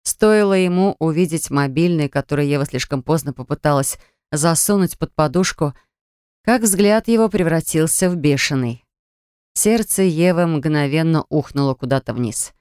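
A woman reads a dramatic audiobook in an even, measured way. Her voice sits fairly low. The recording is dry and close, with no room around her. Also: clear, resonant tone, dry recording. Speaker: narrator. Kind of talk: scripted audiobook narration.

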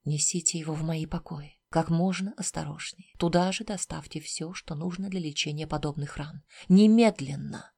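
A woman voicing a calm noblewoman who gives quiet, firm orders. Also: mid-range voice, a little slow, vocal fry, dry recording, clean studio sound. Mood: commanding.

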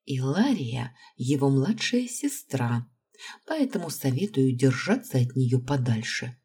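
A snobbish, gossipy young student girl from a fantasy audiobook, as a woman narrator puts her on. She speaks sharply and scornfully, her voice pitched above the reader's own low, husky tone yet still dark underneath, with lively, swinging intonation. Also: measured pace, exaggerated voice.

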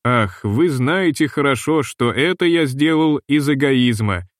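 A man reading the part of a young ship captain who asks brisk, impatient questions, in a dry recording. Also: medium pitch, animated, no room sound, close to an everyday voice. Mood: teasing.

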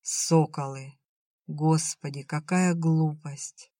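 Male reader as sharp-tongued woman boss, curt and cross. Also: a little high, steady tone, takes it slowly, no echo, clean studio sound. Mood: angry. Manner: curt, angry.

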